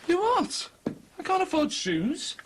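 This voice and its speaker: Actor playing a grumbling hard-up husband. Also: male voice, medium pitch, very animated, fairly quick, background noise, close to an everyday voice. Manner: grumbling, put-upon. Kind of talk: 1980s TV soap acting.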